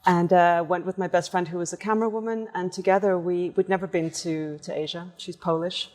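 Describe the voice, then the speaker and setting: Interview guest, female artist, fairly low voice, lively storyteller, reverberant room. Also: brisk. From born in Portugal, raised in several countries. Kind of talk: conversational storytelling.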